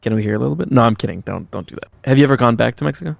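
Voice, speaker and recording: Male interviewer, casual and prompting, gravelly voice, dry close sound. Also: medium pitch, animated, no room sound. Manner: conversational, quick prompting questions. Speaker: podcast host.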